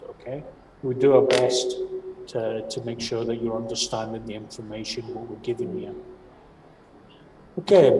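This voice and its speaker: A man with a broad Scottish accent presents a training session in a dark, mellow voice. He explains things plainly and keeps checking that he is understood. The sound is roomy and distant from the microphone. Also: medium pitch. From Scotland. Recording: distant mic, roomy echo, faint noise.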